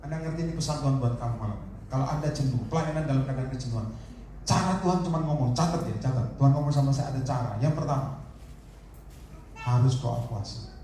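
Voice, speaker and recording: A male evangelist preaching a lively sermon, telling stories, quoting people and joking with the congregation. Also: medium pitch, quick pace, recorded from a distance. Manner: animated, storytelling, quotes people in little voices, jokes with the congregation. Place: large worship hall. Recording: echoey hall, from afar, faint hiss.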